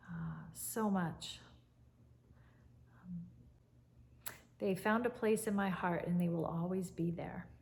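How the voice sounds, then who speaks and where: A gentle English teacher in her fifties hosts her channel from a living room by a fireplace, speaking slowly and reflectively in a mid-pitched voice. Warm, soft-spoken and unhurried, she pauses fondly as she thinks. She's seated, with the camera at chest height.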